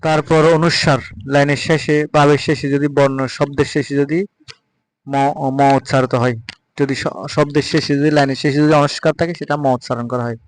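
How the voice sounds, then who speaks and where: A man with a Bengali accent giving a patient spoken pronunciation lesson, repeating example words slowly. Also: on the high side, flat delivery, dry recording, low-quality recording. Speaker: Sanskrit recitation teacher.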